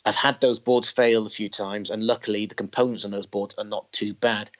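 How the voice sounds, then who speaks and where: A man who collects tape machines is interviewed conversationally on a podcast, speaking a little fast in a low-ish voice with fairly even intonation. He goes through technical details at length, and the sound is dull and lo-fi.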